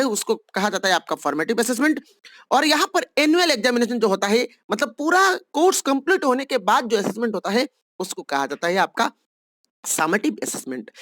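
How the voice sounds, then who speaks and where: A woman teacher in an exam-prep lecture, patiently walking through each answer option and reading questions out slowly before explaining them. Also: a little high, a bit bright, no room sound, clean studio sound.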